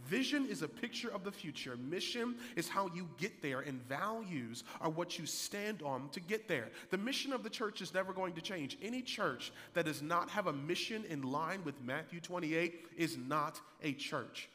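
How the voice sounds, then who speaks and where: A man in his thirties preaching a sermon as pastor, energetic, climbing louder and higher to drive points home and repeating key lines. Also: moderate pace, few pauses. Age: 30s. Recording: hall reverb.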